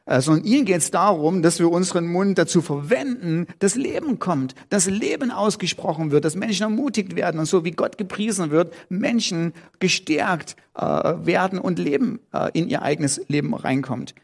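A middle-aged man preaching a sermon as pastor, talking conversationally with many fillers and lively quoted voices. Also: high-pitched, moderate pace, vocal fry, hardly any pauses. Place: church hall. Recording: long reverb of a church hall.

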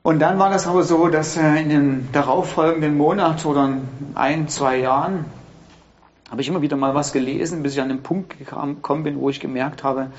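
A man, a pastor, telling his story in a relaxed discussion, lively and quick to laugh. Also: fairly high pitch, highs cut off. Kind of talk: casual discussion.

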